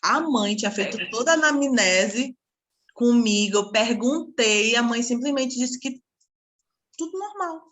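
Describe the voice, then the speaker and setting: A woman teaching a casual online class, a lively storyteller who acts out her conversations with parents. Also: on the high side, unhurried. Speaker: psychopedagogy teacher.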